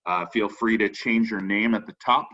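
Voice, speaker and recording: Deep bright-toned man on a dull call. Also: steady tone, normal speed. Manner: rambling, many fillers and restarts. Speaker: co-host of a web forum show. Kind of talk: casual online meeting talk. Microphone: computer mic on a video call. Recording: slightly dull video-call audio.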